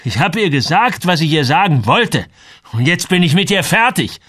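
A stubborn, bitter middle-aged father, as a narrator voices him, with a blunt, curt way of talking. His pitch swings widely, and the sound is dry and close. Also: very animated, slow, dry recording, heavily acted. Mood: furious.

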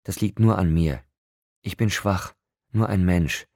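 Male reader as weak but stubborn young woman, quiet and soothing, gravelly low voice. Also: measured pace, no echo, clean studio sound.

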